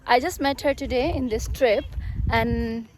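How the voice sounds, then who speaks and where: A woman's voice: a little high, unhurried, a little hiss or hum. A woman narrating a casual travel vlog outdoors into a handheld phone, chatty and upbeat, with many fillers and restarts. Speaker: travel vlogger. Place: outdoors, walking around a hilltop castle and lake.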